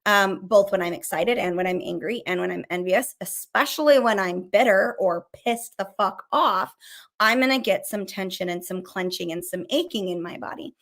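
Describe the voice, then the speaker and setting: Middle-aged female counselor host, quick chatty explainer with a casual tongue. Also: medium pitch, fairly bright tone. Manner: fast and chatty, swears casually. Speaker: licensed counselor hosting a mental health show. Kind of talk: casual teaching while sharing a screen.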